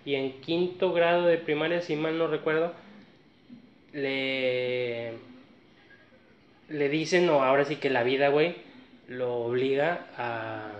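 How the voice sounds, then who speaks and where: A man with a northern Mexican accent telling a story in casual chat, relaxed and slangy, with many fillers. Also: mid-range voice, slow, pauses often, a little hiss or hum. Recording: echoey room, slightly dull sound.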